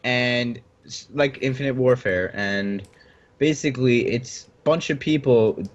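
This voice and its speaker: Slow, halting man on lo-fi chat. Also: mid-range voice. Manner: slow, halting explanations with fillers. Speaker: podcast co-host. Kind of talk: casual chat.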